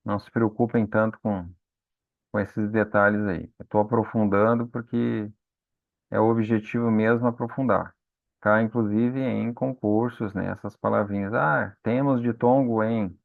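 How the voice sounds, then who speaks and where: A man with a low, gravelly voice explains grammar slowly and patiently, like a teacher at the board. He keeps checking that his students follow along. The sound is dry and thin, as if heard over a phone line. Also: little pitch movement, no echo. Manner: patient, frequent "né?" and "tá?" check-ins. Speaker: Portuguese teacher. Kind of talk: explanatory lesson.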